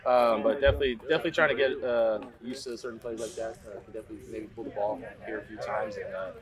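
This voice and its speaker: A young man gives earnest interview answers as a college football quarterback. His speech is fast, and there is clear chatter behind him outdoors. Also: fairly low pitch, fairly even intonation. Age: young adult. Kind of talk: post-practice media interview answers.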